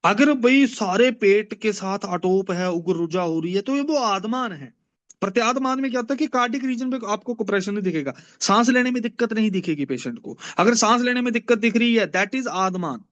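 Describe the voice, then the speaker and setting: A man with a fairly high, very lively voice teaching a class. He chants classical verses, then explains them in plain talk and quizzes his listeners. The sound is dull and lo-fi. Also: fairly quick. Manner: recites Sanskrit verses then explains in mixed Hindi and English; asks the class questions and answers them himself. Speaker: Ayurveda teacher. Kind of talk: classroom lecture. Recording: dull lo-fi recording.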